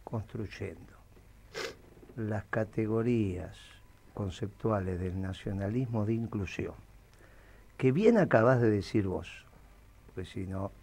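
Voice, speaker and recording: A man with an Argentine Spanish accent, hosting a radio talk show and steering the talk slowly and deliberately. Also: fairly low pitch, gravelly, a little mellow, husky. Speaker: radio host.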